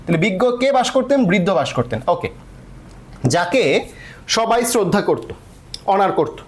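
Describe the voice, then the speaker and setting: A man's voice: high voice, big pitch swings, moderate pace, slight background noise. A man teaching English vocabulary in an online class, explaining patiently and often checking that students follow.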